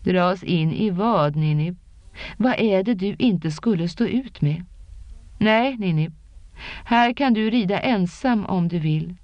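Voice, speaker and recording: A woman voicing a patient, affectionate warrior king speaking gently to his wife. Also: mid-range voice, no room sound, lightly acted. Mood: gentle. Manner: calm, affectionate, coaxing. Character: tender, patient warrior king and husband, a grown man. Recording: dull lo-fi.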